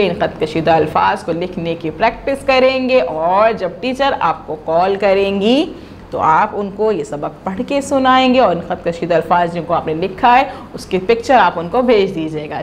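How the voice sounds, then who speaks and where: A woman primary school teacher giving a recorded reading lesson to young children, saying each word slowly three times for them to repeat, in a clear, encouraging teacherly way. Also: mid-range voice, a little hiss or hum.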